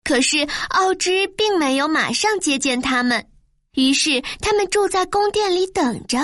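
Woman storyteller, high bright voice, expressive children's narration, dry studio sound. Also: normal speed, dry recording.

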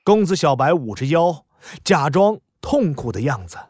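A man narrating a children's story in an expressive, explanatory way. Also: on the high side, normal speed, breathy edge, no echo, clean studio sound.

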